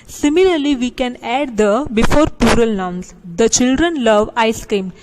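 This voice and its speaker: Background noise accompanies a woman whose high-leaning voice is expressive as she gives students an English grammar lesson. She reads examples slowly and carefully, then explains the rules with frequent restarts and fillers.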